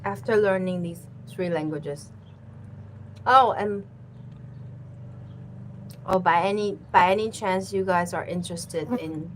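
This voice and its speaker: A Taiwanese woman in her thirties, whose first language is Mandarin Chinese, speaks English as she hosts her own language channel, chatting casually to camera. A language teacher, she's relaxed, uses lots of fillers and repeated words, and laughs often. Her voice is on the low side and slow with long pauses, and the poor audio has slight background noise.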